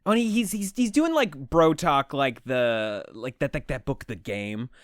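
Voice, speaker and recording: Smooth-voiced man podcast co-host. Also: mid-range voice, lively intonation, dry recording, clean studio sound. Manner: chatty, repeats words, quick asides. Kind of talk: casual chat.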